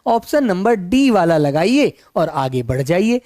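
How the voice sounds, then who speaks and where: Male tutor, sore hoarse throat, calm and fond with students, dry close sound. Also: sits high, no echo. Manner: calm, unhurried, affectionate to students. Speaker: teacher. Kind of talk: online exam-prep class.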